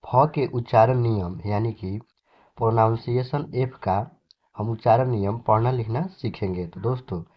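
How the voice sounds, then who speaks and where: A man explaining a lesson in classroom style. He goes slowly, repeats words and often adds a quick check at the end of a line. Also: lowish voice. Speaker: teacher. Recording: slightly dull lo-fi recording.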